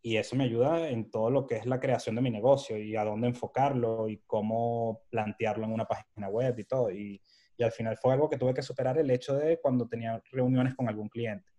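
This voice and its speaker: A man's voice: mid-range voice, a little fast. A man from Venezuela with a Venezuelan accent, a guest telling his story in a casual interview and acting out the dialogue in his anecdotes. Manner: animated storyteller who acts out quoted dialogue. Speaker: guest photographer.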